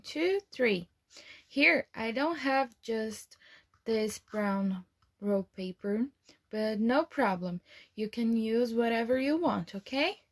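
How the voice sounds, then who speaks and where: A woman teaching children online, reading a storybook aloud and then guiding a craft activity in a slow, clear, expressive way. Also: a little high. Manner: slow, clear, expressive delivery for young learners.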